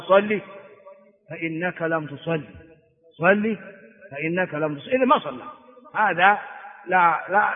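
A man, a sheikh giving a classroom lecture on hadith, explaining slowly and repeating words for stress. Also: high voice. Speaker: sheikh teaching hadith commentary. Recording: phone-like audio with long hall reverb.

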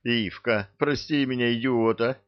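A man's voice: deep voice, slow pace, lo-fi sound. A man voicing an earnest young male emperor who was once a jester. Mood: remorseful. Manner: earnest, pleading.

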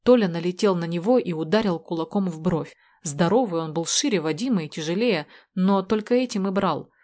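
A woman narrating a story in the first person in a steady, measured way. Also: lowish voice. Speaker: audiobook narrator.

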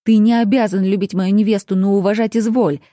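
A woman's voice: medium pitch, fairly even intonation, fairly quick, mellow, no echo, studio quality, close to an everyday voice. A woman voicing a hot-tempered young lord. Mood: defiant. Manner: firm, heated outbursts. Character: young nobleman, fiercely protective fiancé.

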